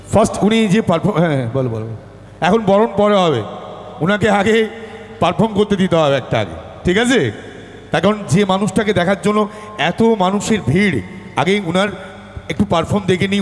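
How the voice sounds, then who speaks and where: A man's voice: high voice, lively intonation, normal speed, long pauses, soft background music. A man anchoring a live stage show, joking with the audience and introducing the guest. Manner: joking, hyping up the crowd. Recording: stage PA with long reverb.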